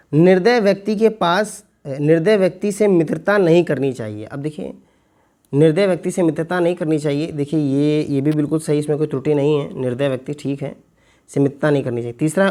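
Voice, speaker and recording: Man teaching spelling, slow and repetitive. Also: on the high side, warm tone. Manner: slow, stretched repetition of words to spell them out; addresses viewers as friends, asks them questions. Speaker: Hindi exam teacher. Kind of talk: exam paper walkthrough lesson.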